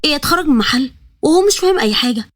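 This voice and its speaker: Rapid-fire Egyptian woman storyteller. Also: high voice, animated, a bit bright, no room sound, clean studio sound. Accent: Egyptian Arabic. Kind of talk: story narration.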